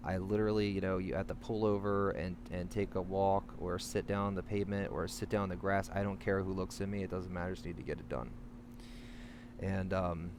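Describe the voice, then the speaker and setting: Man, low voice, anxious mid-panic vlogger giving personal advice, halting delivery, noisy humming recording. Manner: halting, rambling, trailing into self-corrections. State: in the midst of a panic attack, anxious. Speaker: vlogger sharing panic attack coping advice. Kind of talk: candid talk to camera, personal advice. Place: outdoors. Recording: clearly noisy, humming background.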